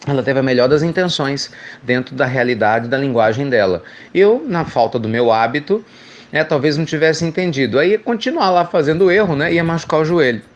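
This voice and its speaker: A man's voice: a little high, lively intonation, brisk, lo-fi sound. A middle-aged Brazilian man giving an informal spiritual reflection, talking chattily and often asking rhetorical questions. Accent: Brazilian Portuguese. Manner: chatty, warm, peppered with rhetorical tag questions. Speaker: spiritual speaker.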